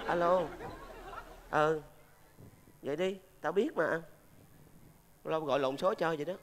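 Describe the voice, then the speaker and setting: A man's voice: a little high, measured pace, a faint crowd, a little hiss or hum. A man playing a teasing, troublesome café customer in a comedy sketch. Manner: cheeky, teasing, with joking outbursts.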